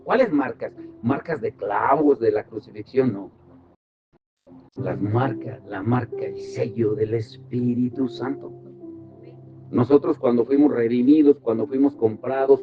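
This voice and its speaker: A man with a medium-pitched voice, speaking a little slowly, teaches a devotional Bible study as a pastor in a teaching sermon. He poses rhetorical questions to the group and directs them to verses. The recording sounds slightly dull, with music behind it.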